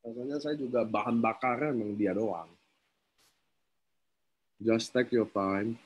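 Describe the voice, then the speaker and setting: A man's voice: mid-range voice, steady tone, unhurried, husky, dull audio. A male host giving brief supportive replies to his guest.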